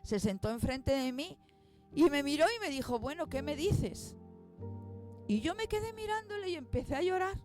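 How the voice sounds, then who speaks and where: A woman's voice: high-pitched, expressive, brisk, darkish tone, faint music behind. Emotional woman telling her testimony. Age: 40s. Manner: emotional storytelling, acts out quoted dialogue. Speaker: guest. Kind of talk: personal testimony.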